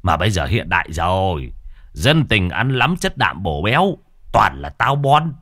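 A coarse, gruff middle-aged father , as a narrator puts him on, talks bluntly and crudely in a low voice. He rattles along with a lively swing in the voice, close and dry. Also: dry recording, full character voice. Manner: crude, blunt, quick-talking.

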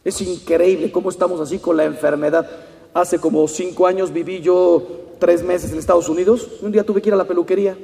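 A Mexican priest in his fifties giving an animated talk, telling anecdotes and acting out the people in them. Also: high voice, fairly quick, creaky. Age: 50s. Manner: storytelling, animated, mimics people in quotes. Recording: long hall reverb.

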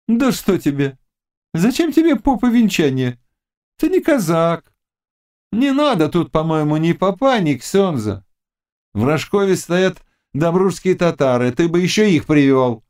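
A man voicing a fierce, mocking young witch and fortune-teller in an audiobook, chanting incantations in a high, loud voice. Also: very animated, unhurried. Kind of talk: audiobook character reading.

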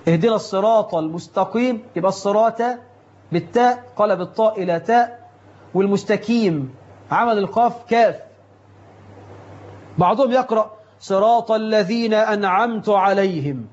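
A man with an Egyptian Arabic accent preaches a religious lesson on prayer, full of rhetorical questions. He switches between formal classical speech and everyday colloquial speech. His voice sits high, and the audio is a little dull and lo-fi. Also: darkish tone.

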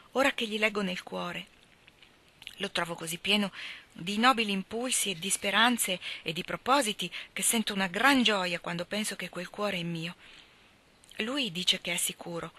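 Woman voicing a young wife in love, glowing and warm, bright voice. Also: medium pitch.

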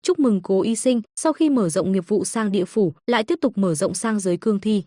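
A woman's voice: mid-range voice, a little fast, warm tone, dry recording, studio quality, close to an everyday voice. A synthetic woman's voice reading the lines of a teasing, amused young father in a storybook.

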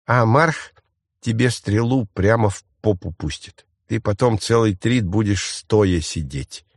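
A man's voice: lowish voice, measured pace, no echo, clean studio sound. A man reading an audiobook voices a small, stubborn little girl who bosses and scolds. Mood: bossy. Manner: bossy, scolding, matter-of-fact.

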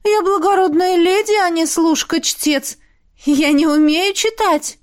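A woman voicing a haughty young noblewoman concubine who turns whiny and frightened. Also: unhurried. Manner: high, haughty, then whimpering.

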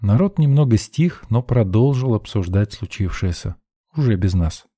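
A man narrating a first-person audiobook in a calm, even storytelling manner. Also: fairly low pitch, normal speed, no room sound, clean studio sound.

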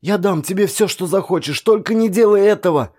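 A man's voice: sits high, brisk, a little mellow, voice pushed up. A man voicing a cowardly male village thief who begs and whines tearfully in a storybook reading. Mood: frantic begging. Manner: whining, begging and tearful.

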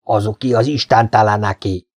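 A man's voice: lowish voice, fairly even intonation, a little mellow, dry recording, studio quality, close to an everyday voice. A man voicing a surly, grumbling old marsh fisherman. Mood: scornful. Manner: gruff and scornful. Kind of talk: audiobook character voice.

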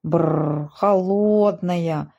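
A woman's voice: lowish voice, very slow, warm tone. Cold shivery pooch, woman reading, brrr, dull audio. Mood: shivering. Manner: shivering, barking out words. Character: shivering red mongrel dog. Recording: muffled dull recording.

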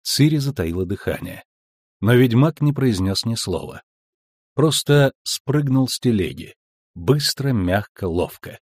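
Husky-voiced male audiobook narrator. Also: medium pitch, dry recording, clean studio sound. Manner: expressive, measured storytelling. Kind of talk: audiobook reading.

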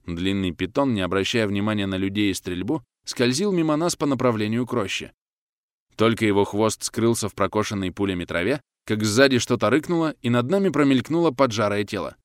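A man narrating a first-person war novel as an audiobook reader, in a steady, even manner. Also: lowish voice, fairly quick, smooth, dry recording, studio quality.

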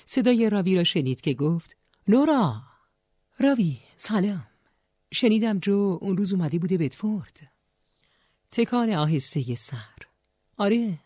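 A steady audiobook narrator telling a novel at an even, measured pace. The voice sits in a middle range. It is recorded close in a dry studio with no reverb. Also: medium pitch. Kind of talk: scripted narration.

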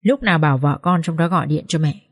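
A woman voicing a sharp-tongued older village mother-in-law in a storybook reading, scolding and shrill. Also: fast. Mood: eager.

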